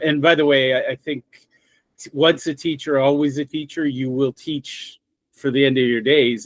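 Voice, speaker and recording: A man's voice: mid-range voice, no room sound. Guy hosting a podcast, upbeat and laughy, dry close sound, mid voice. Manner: upbeat, friendly, laughs often. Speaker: podcast host. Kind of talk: casual interview talk.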